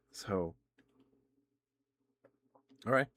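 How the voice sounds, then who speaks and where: A male livestream host chats casually about video games in an ASMR setting, meandering and correcting himself as he goes. His voice is a bit bright and very slow.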